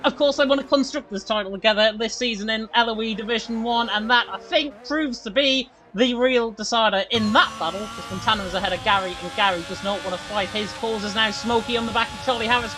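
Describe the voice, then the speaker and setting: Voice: mid-range voice, quick pace, hardly any pauses, sharp tone. A motorsport commentator giving urgent, running play-by-play of an esports race live.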